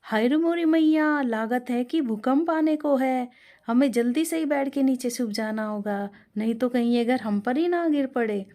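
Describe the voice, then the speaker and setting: A woman's voice: a little high, a little slow, natural voice. A woman doing a jumpy rustic village bride. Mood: panicked. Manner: loud, excitable exclamations. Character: naive rustic young village daughter-in-law, easily frightened.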